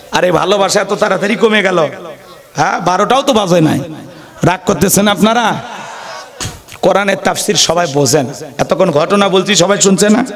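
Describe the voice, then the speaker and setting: High-voiced preacher rousing a crowd. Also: male voice. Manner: calls out to the crowd for replies, jokes, acts out little scenes. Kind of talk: waz sermon.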